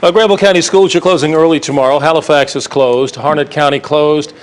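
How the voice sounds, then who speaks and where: A man's voice: a little high, steady tone, a little fast. An American man anchoring a TV newscast, reading scripted news.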